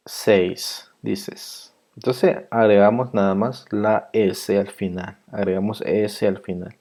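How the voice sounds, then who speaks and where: Man, teacher, grammar lesson, very slow, patient, repeats examples. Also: lowish voice, dark tone. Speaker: English teacher. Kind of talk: grammar lesson explained in Spanish.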